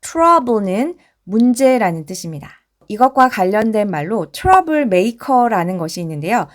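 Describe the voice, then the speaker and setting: A woman's voice: mid-range voice, very animated, normal speed. A woman teaching English phonics to learners, patiently sounding out each letter step by step. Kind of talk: slow explanatory lesson.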